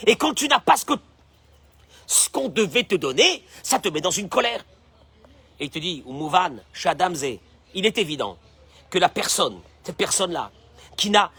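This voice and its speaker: A man's voice: sits high, pushed and bright, slightly rough, no room sound. A rabbi giving a Torah lesson with Hebrew quotations, who acts out the complaining voices he describes and keeps asking rhetorical questions. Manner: fond of rhetorical questions and repeating phrases.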